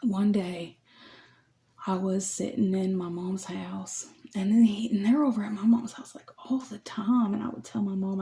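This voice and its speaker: A woman's voice: medium pitch, dark tone. A young woman telling a storytime tale in a blunt, sassy, casual way. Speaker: storytime vlogger.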